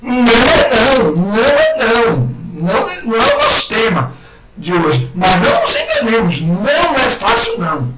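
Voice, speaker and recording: A hoarse man gives a spiritist lecture in a high, swinging voice. He is animated and acts out the words of imagined people. He is recorded from a distance in an echoing room, with loud noise behind him. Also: moderate pace. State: hoarse throat. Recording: echoey room, far mic, loud noise.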